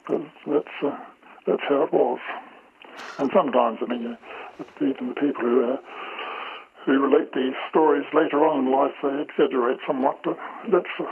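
A man whose voice is disguised by an altering filter, a former intelligence officer talking on the phone in a halting way, with many fillers and restarts. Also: mid-range voice, fairly even intonation, creaky, a crowd in the background. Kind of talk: phone interview. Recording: tinny, noisy phone line.

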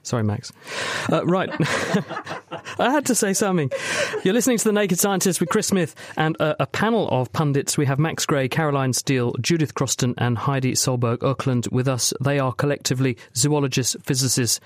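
A man hosting a science radio show, brisk and fond of quick jokes. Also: a little high, no room sound, studio quality. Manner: jokey, brisk, quick to tease.

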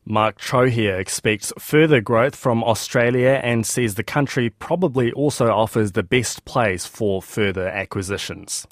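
A male business presenter with a New Zealand accent reads the news from a script. His voice sits at a middle pitch and is recorded very dry and close. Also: measured pace, hardly any pauses, no echo. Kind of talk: scripted news reading with interview links.

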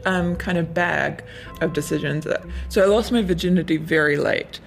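Woman with a disguised deep voice. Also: moderate pace, creaky, faint music behind. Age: 20s. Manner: candid, reflective, with hesitant fillers. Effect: voice altered, disguised deeper. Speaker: interviewee. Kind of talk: documentary interview.

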